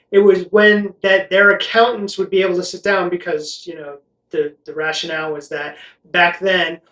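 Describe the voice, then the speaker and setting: High-voiced American man, echoey distant recording. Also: fairly bright tone. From Connecticut, United States. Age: middle-aged. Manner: rambling, conversational. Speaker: vlog host. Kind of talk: casual explainer chat to camera. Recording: roomy echo, distant mic.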